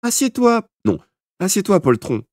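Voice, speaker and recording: A man's voice: a little high, sing-song, a little fast, darkish tone, no echo, clean studio sound, pitched above the performer's own voice. A man voicing a bossy, mocking boy who gives orders to the others. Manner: bossy, teasing.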